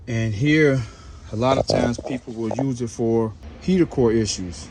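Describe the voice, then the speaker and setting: Standing outside by the car, the host of a relaxed car repair channel talks directly and chattily to viewers as he works hands-on. He has a cold, sniffling with a runny nose, and his mid-range voice moves at a measured pace against slight background noise.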